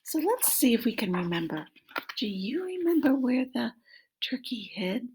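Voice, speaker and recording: Here a woman in her fifties shares a picture book with young children and prompts them with questions, her laptop microphone at arm's length in a small room at home. Her pitch is a little high and her delivery very lively at a moderate pace, with noise audible behind her.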